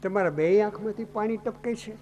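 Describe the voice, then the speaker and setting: A man's voice: sits high, fairly quick, dark tone, lightly acted. A man voicing a lame bull, dharma, who anxiously questions his weeping mother cow in a story sermon. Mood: pleading. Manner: pleading, questioning.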